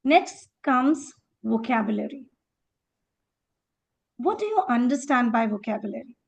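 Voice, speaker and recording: A woman's voice: fairly high pitch, expressive, measured pace, gravelly. A woman leading an interactive speaking workshop, encouraging participants by name and acting out phrases in different tones to show how they change. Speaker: workshop educator.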